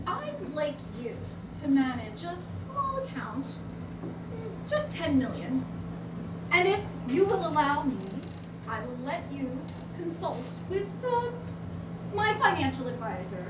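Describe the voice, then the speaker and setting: A woman's voice: high-pitched, very animated, slow pace, full character voice. A woman acting an imperious, demanding and flirtatious wealthy art patron in a staged play reading, heard in a theatre. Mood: haughty, coaxing. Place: small stage in a club theatre before an audience. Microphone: distant audience camera. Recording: noisy, echoey theatre recording from far off.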